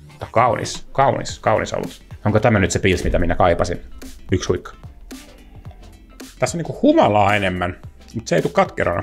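Low-voiced man reviewing beers. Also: gravelly. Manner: chatty, thinks aloud between sips. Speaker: beer reviewer. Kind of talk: casual tasting review.

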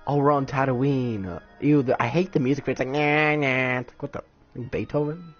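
A man giving casual gameplay commentary, excitable and giggly, often exclaiming at the screen. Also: medium pitch, moderate pace, breathy edge. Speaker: gamer streaming gameplay. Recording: dull lo-fi mic with game music.

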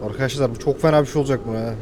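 A young man commentating casually on a video game he plays, excitable and joking with his viewers. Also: medium pitch, racing, noisy background. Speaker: gaming youtuber. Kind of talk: casual let's-play commentary.

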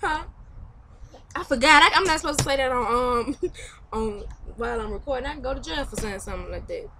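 A young woman vlogging a call with a friend, talking loudly in slangy, teasing casual chat and laughing often. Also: sits high, animated, a little fast, a crowd in the background. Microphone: computer webcam mic. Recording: noisy home webcam recording.

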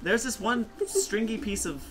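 A man hosting a vlog, chatting and joking excitably while carving pumpkins with friends. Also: high voice, a little slow, soft background music. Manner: excitable, joking, lively exclamations. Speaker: vlog host.

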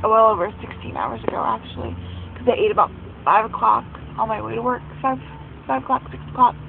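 A woman's voice: a little high, brisk, creaky. A young woman chatting casually to her phone camera while driving, rambling with lots of ums and likes. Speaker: vlogger. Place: inside a car. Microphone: phone held at arm's length. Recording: tinny phone audio with loud road noise. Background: car and traffic noise.

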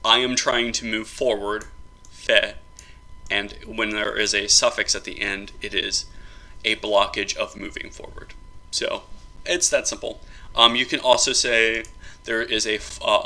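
A man explaining a phrasebook for his invented language, in a halting, casual way with many ums and restarts. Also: lowish voice, creaky, pushed and bright. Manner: halting, many ums and uhs, self-correcting.

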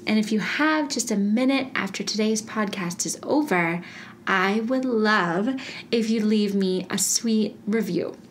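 A woman's voice: mid-range voice, a little slow, a little hiss or hum. Bubbly chatty woman podcast host. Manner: bubbly, chatty, laughs often. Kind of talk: casual solo podcast.

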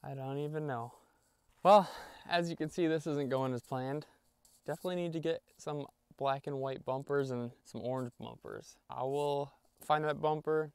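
A man's voice: mid-range voice, clean tone, no room sound. A young man vlogging outdoors in a park as he trains his puppy, switching between casual talk to viewers and upbeat praise and commands for the dog.

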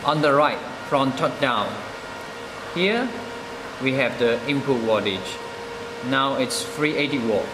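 A man walks through machine settings slowly and deliberately, leaning on key words as he explains each control. His voice carries a roomy echo with a long reverb tail, and a steady air-conditioning hum sits clearly underneath. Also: mid-range voice. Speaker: product demonstrator. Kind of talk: product demonstration voice-over.

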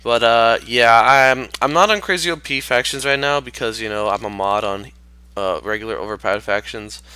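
A man's voice: medium pitch, moderate pace, sharp tone, clear, resonant tone, no room sound. A man hosting a gaming channel who sounds slightly sick, rambling casually and muttering to himself as he plays. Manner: rambling, talks to himself while playing. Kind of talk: casual gameplay commentary.

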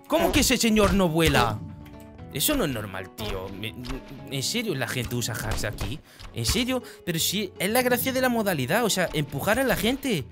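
Young-sounding gaming YouTuber, hot-tempered, swears a lot, very animated delivery, music loud in the mix. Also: male voice, on the high side. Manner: excitable, talks to himself, swears, quick flips between loud outbursts and mutters. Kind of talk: live gameplay commentary. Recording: game music playing loud behind the voice.

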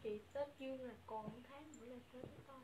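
A woman making quiet, offhand remarks from the side of a conversation. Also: high-pitched, fairly even intonation, fairly quick, echoey room, heavy background noise.

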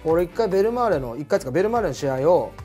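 A man's voice: sits high, big pitch swings, racing, mellow, faint music behind. A man hosting a casual chat, telling a rambling story with laughs and fillers. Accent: Japanese. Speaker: host.

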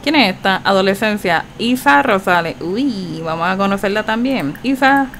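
Woman, casual gameplay commentary, chatty, animated, medium pitch. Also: moderate pace, crowd noise. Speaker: gaming channel host.

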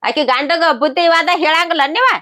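Woman as a quarrelsome wife, North Karnataka accent, high voice. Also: steady tone, a little fast, pushed and bright. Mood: arguing. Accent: North Karnataka Kannada. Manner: argumentative, defensive, scolding. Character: sharp-tongued wife quarrelling with her husband. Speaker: wife in a comedy skit.

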